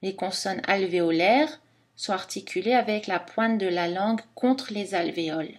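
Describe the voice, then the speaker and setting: A woman's voice: medium pitch, normal speed. A woman narrating a phonetics lesson, explaining each consonant and carefully demonstrating the sounds. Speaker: phonetics teacher.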